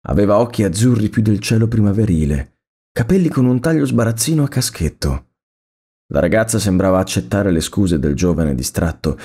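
A man narrating a story aloud in a measured, expressive reading. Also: low voice, slightly rough.

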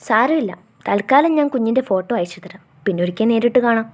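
A woman reading the lines of a caring young man who scolds his girlfriend gently and then reassures her. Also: mid-range voice, quick pace, natural voice. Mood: gentle.

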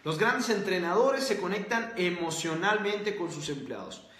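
A man hosting a motivational book-review video, talking emphatically with rhetorical questions and drawn-out stresses. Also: high voice, expressive, fairly bright tone, roomy sound. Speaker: host.

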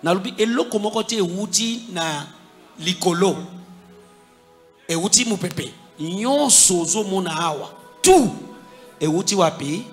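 A man's voice: sits high, animated, measured pace, pauses often, soft background music. Emphatic preacher man. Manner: emphatic, mixing French and Lingala. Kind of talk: sermon with interpreter.

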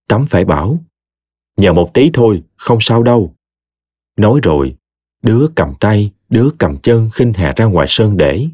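A man narrating an audio story with an expressive, dramatic reading. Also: lowish voice, dry recording, studio quality.

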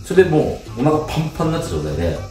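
A young man telling stories from his school days in casual chat, animated, laughing often and acting out the people he quotes. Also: on the high side, very fast, far from the mic. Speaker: channel host telling life stories. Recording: roomy, off-mic with music behind.

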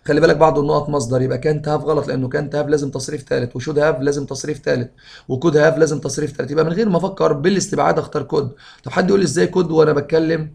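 A man with an Egyptian Arabic accent, teaching English grammar and reading sentences slowly before explaining them quickly. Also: a little high, fairly even intonation, creaky, darkish tone.

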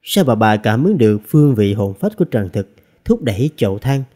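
Guy reading a fantasy audiobook, lively up and down delivery, dark mellow tone. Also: lowish voice, a little fast. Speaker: audiobook narrator. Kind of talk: fantasy novel narration.

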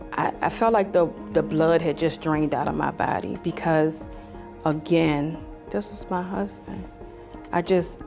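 A woman in her fifties speaking quietly and haltingly in an emotional TV interview. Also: fairly low pitch. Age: 50s.

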